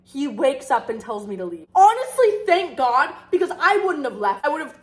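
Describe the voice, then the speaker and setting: Young woman vlogging a storytime, kinda high voice, rambly with tons of "like"s, making fun of herself. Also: sing-song, normal speed. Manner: rambling, filler-heavy, self-mocking. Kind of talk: casual storytime.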